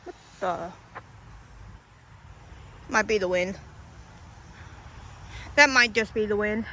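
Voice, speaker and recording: A winded paranormal vlogger with a drawl talks to viewers while walking outdoors. The speech rambles, restarts and apologizes, at a middling pitch. Faint wind hisses in the background. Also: measured pace, sharp tone, low-quality recording. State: out of breath. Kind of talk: casual vlog talk to viewers. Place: outdoors in a hilly, windy graveyard. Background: faint wind noise.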